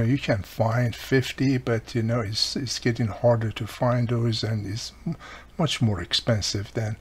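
At an indoor workbench, a middle-aged man hosting a radio repair video gives casual, hands-on instructions, repeating "you know" and adding frequent small cautions. His voice is fairly low with vocal fry, and a little hiss or hum is audible.

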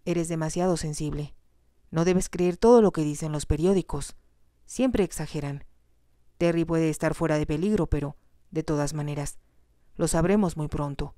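A woman's voice: low voice, moderate pace, no room sound, clean studio sound, natural voice. A woman reading aloud, voicing a male family doctor who speaks steadily and firmly. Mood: reassuring. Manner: steady, reassuring, stern at times. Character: calm firm family doctor, man.

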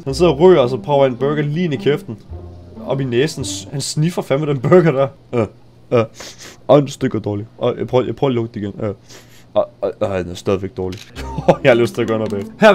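A young man giving excitable, swear-filled let's play commentary, mixing in English slang. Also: medium pitch. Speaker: gaming YouTuber.

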